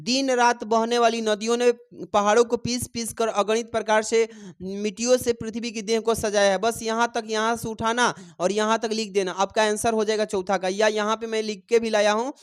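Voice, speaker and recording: A man's voice: high-pitched, little pitch movement, normal speed, hardly any pauses, clean tone. An encouraging male teacher coaches his students through exam questions, reading lines of verse aloud as he goes. He speaks to them fondly as "babu" and "dear children" and keeps reassuring them not to be afraid. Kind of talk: exam-prep lesson.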